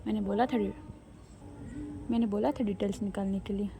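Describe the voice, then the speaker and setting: A woman's voice: mid-range voice, fairly even intonation, brisk, close to an everyday voice. A woman voicing a young woman who presses her partner with curt, probing questions and gives orders. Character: young woman, suspicious and commanding.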